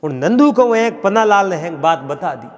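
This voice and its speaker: A man with a Marwari accent telling a traditional folk tale in a rhythmic, repetitive way, pausing often. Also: high-pitched, sing-song, in a large hall, dull audio. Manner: repetitive, rhythmic telling with frequent pauses and fillers. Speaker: folk storyteller.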